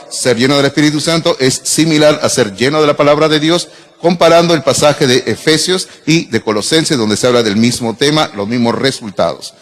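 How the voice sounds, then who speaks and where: A man's voice: mid-range voice, in a large hall. A middle-aged man, preaching a sermon in a church, chatting with the congregation through frequent asides and questions. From Peru. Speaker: pastor. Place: church sanctuary.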